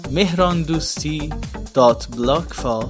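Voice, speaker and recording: An announcer slowly reading a channel address, spelling out letters one by one. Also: medium pitch. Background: electronic music.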